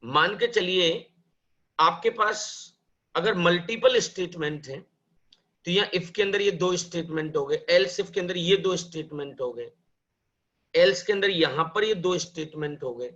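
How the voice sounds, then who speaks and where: A man's voice: sits high, a little slow, fairly bright tone, muffled recording. A man teaching a live programming class, explaining step by step, asking questions and answering them himself. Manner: mixes Hindi and English, calls students "bhai" and "beta".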